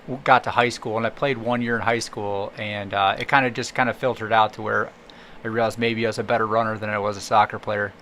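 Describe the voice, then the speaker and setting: A man's voice: fairly low pitch, flat delivery, fast, sharp tone, a little hiss or hum. A man who is a running coach, guesting on a podcast and talking modestly with frequent laughs. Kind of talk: casual podcast chat.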